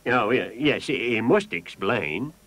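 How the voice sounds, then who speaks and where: A woman doing a pompous, deep-voiced chamberlain. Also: animated, slow, a bit bright, full character voice. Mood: flustered. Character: pompous male royal chamberlain, fussy.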